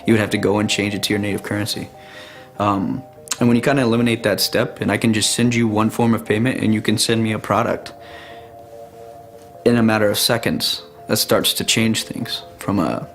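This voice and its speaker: A man casually explaining in an interview, relaxed and chatty. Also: lowish voice, a little fast, faint music behind. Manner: relaxed, conversational, uses fillers.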